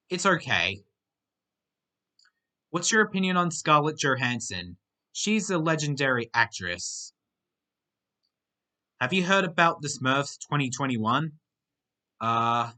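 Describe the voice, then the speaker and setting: A young man hosts a casual question-and-answer video. His voice is very bright and sharp, and his pitch moves around a lot. He reads each viewer question aloud and answers it briefly and simply. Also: lively intonation, slow, pauses often. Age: young adult. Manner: reads out questions, then gives short plain answers. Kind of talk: casual Q&A monologue.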